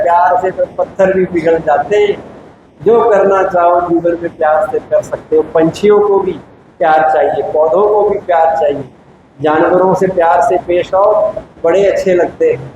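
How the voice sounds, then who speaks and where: A man's voice: sits high, unhurried, muffled recording. A man giving a spiritual discourse to a live audience as a teacher, asking emphatic rhetorical questions and explaining patiently. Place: large meditation hall. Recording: very echoey hall with clear background noise.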